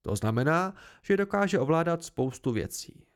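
Man voicing a chronicler, calm, firm, lecturing, gravelly. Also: a little high, voice pushed up. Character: calm, stern male chronicler, firm and patient.

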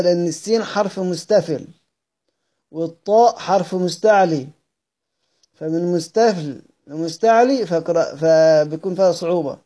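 A man with an Egyptian accent teaches a study circle on Quran readings. His voice sits fairly high but sounds soft and mellow. He keeps posing questions to himself and answering them, restating each point. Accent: Egyptian Arabic. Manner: asks himself questions and answers them, repeating key phrases.

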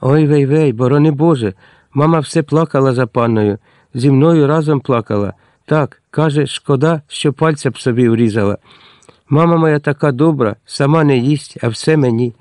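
A man's voice: mid-range voice, moderate pace, darkish tone, no room sound, clean studio sound, lightly acted. A man voicing a poor, timid young servant girl in a storybook reading, eager and pleading.

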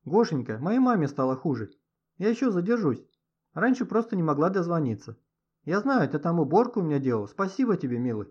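Male reader doing a soft, affectionate aunt on a long-distance call, husky, slightly raised voice, lo-fi audio. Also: fairly high pitch, sing-song, a little fast, pitched above the performer's own voice. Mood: gentle, tired. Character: warm aunt on a phone call. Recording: dull lo-fi audio.

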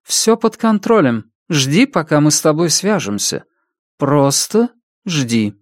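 A man's voice: a little high, sing-song, slow pace, dry recording, studio quality, voice pushed up. A male audiobook reader voicing a cold, commanding woman who gives curt orders over the phone. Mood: stern. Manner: curt and controlling.

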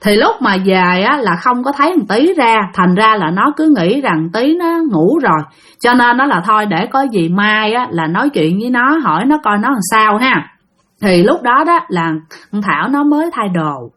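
This woman's voice is slightly high, very animated and fairly bright, moving at a moderate pace. She chats her way through a casual ghost story, talking straight to the people listening.

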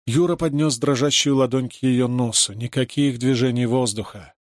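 A man's voice: mid-range voice, fairly even intonation, no echo. Man narrating a story, dry sound. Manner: measured, dramatic storytelling. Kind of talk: audiobook reading.

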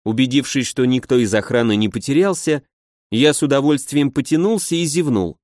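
A man reading a first-person audiobook in an even, wry storytelling voice. His delivery stays conversational and steady. The recording is dry and close, with no room sound. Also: medium pitch, a little fast, no echo. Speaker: audiobook reader.

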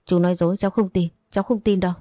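A woman voicing a grieving seventeen-year-old who pleads and insists, in a low, dark voice. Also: fairly even intonation, rapid-fire, no echo, clean studio sound, close to an everyday voice. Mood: defiant. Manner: pleading, insistent, breaking into denial.

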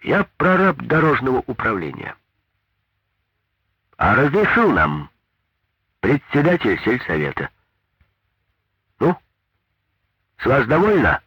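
A man's voice: mid-range voice, wildly swooping pitch, slow pace, pauses often, breathy edge, dry recording, pitched above the performer's own voice, exaggerated voice. Man playing a grumbling gray-haired foreman. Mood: defensive. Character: gray-haired, defensive road-works foreman. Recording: dull lo-fi dry recording.

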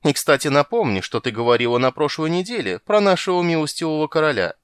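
A man voicing a servile, tattling male water rat who squeaks and whines in a storybook reading. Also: big pitch swings, fast talker, clear, resonant tone, dry recording, clean studio sound. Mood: gloating. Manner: whiny, squeaky, fawning.

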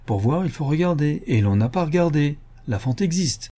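A suave gentleman sleuth who lays out his deductions with unruffled assurance, as a male audiobook reader puts him on. The voice is mellow and a little husky, with a touch more lift than a plain narration. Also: on the high side, moderate pace, pitched above the performer's own voice. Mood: calm. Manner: calm, self-assured, slightly dogmatic. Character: suave calm Italian gentleman detective, man. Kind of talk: audiobook character reading.

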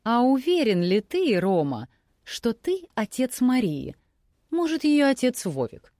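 Shrill whiny ex-wife on the phone, all accusing, woman reading, dry close sound. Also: big pitch swings, a little slow, mellow, no room sound. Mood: snide taunting. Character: shrill tearful nagging ex-wife, middle-aged.

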